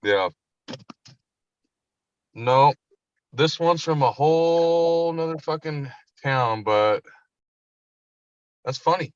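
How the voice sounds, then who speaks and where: A man's voice: a little high, lively intonation, extremely slow, pauses often, clean tone, no room sound. Rambling, swearing man on a dull line. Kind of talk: casual chat. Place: parked vehicle, passenger seat. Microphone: phone.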